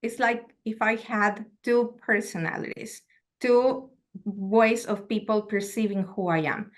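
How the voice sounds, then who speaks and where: This university lecturer is a woman from Mexico, a native Spanish speaker, speaking at mid pitch in a calm, reflective academic lecture. She keeps a measured pace and asks rhetorical questions along the way.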